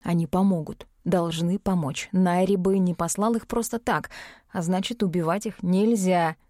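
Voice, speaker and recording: Woman playing a tense young necromancer man, low voice, slow, strained, dark tone. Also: steady tone, dry recording, clean studio sound, close to an everyday voice. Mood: tense, angry.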